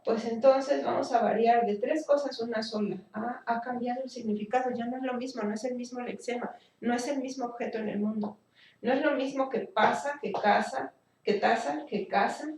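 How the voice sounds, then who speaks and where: A woman teaching a speech therapy class, explaining slowly and thinking aloud with fillers and restarts. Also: fairly high pitch, steady tone, a little mellow. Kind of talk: recorded class lecture. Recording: echoey room, voice from a distance.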